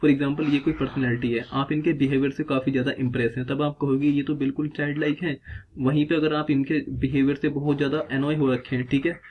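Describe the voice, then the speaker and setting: A man's voice: mid-range voice, little pitch movement, fast talker, a little hiss or hum. Guy teaching english words in a lesson, keeps saying theek hai, bit dull lo-fi audio. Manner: repeats "theek hai" and asks himself questions as he explains. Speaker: vocabulary teacher. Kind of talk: explanatory lesson in Hindi mixed with English terms.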